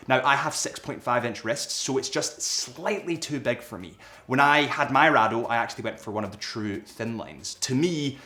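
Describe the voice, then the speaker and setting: A young man who has a cold reviews a watch to camera, his medium-pitched voice slightly nasal, pushed and bright. He chats casually and rambles a little, dropping self-aware asides.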